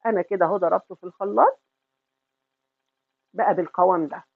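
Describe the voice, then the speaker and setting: A woman's voice: on the low side, fast, gravelly, slightly rough, no room sound, phone-quality sound. A middle-aged woman with an Egyptian accent hosts a home cooking tutorial. She talks affectionately, calls the viewer sweetheart, and asks and answers her own questions. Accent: Egyptian Arabic. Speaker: cooking channel host.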